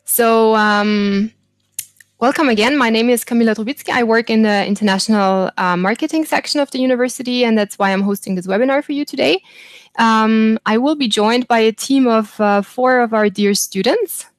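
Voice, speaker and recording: A woman welcomes viewers to an online webinar, her voice a touch higher than most. She is friendly and fills her pauses with small hesitations. The sound is dry and close, as over a video call. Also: dry recording. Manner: friendly, filler-heavy delivery. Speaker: webinar host. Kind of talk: hosting a webinar.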